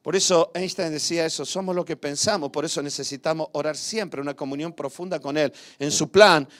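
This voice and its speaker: A man preaching a sermon in a slightly high voice. He talks to his listeners conversationally, firing off rhetorical questions and little tag questions. He moves easily between raised, emphatic points and soft asides. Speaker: pastor.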